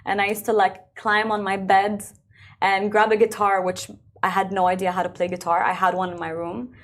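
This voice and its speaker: A young adult woman who grew up in Belgium, a singer talking about her life in a relaxed, chatty interview, full of filler words. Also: medium pitch, normal speed. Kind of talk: casual interview conversation.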